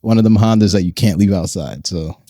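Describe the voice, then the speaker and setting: Animated male guest, dry sound. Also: low-pitched, brisk, no room sound. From born in Guyana, raised in New York. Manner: animated storyteller, repeats himself, laughs. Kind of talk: casual podcast chat.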